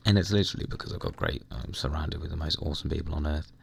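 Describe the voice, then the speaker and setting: A young man with a hoarse, croaky voice, chatting casually and rambling while playing a computer game. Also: a bass voice, rapid-fire. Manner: rambling, chatty, mild swearing. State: hoarse, recovering lost voice. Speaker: gaming vlogger. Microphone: desk microphone at computer.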